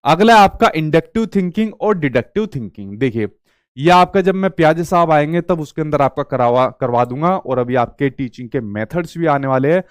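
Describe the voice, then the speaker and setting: A man's voice: a little high, expressive, smooth, dry recording, studio quality. Man teaching an exam-prep lesson. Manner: explains slowly, asks and answers own questions.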